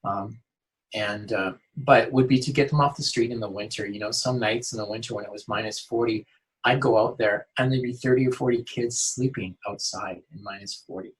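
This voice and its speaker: The recording is low quality, capturing a man with a lowish, fairly even voice who talks a little fast. Earnest and casual, he speaks as a youth outreach worker in an interview, full of restarts and "you know."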